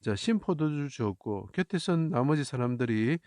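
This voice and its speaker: A man's voice: medium pitch, expressive, normal speed, darkish tone, no room sound. A Korean man teaching scripture through Chinese characters, explaining step by step and breaking into fervent quoted prayers. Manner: explains step by step, rises to fervent cries when quoting scripture. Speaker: Bible teacher. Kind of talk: lecture on Chinese characters in the Bible.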